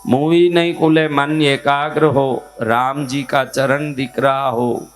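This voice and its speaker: A man's voice: mid-range voice, little pitch movement, slow pace, soft background music. A man giving a devotional teaching talk as a spiritual teacher, putting questions to his listeners and then answering them.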